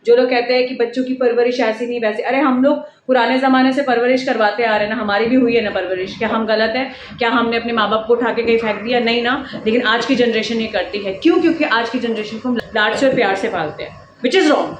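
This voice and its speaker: A woman's voice: a little high, fairly even intonation, quick pace, hardly any pauses, a little hiss or hum. A woman mother vlogging at home, talking to camera in an emphatic, lecturing way and scolding her child now and then. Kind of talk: casual vlog talking to camera. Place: indoors at home.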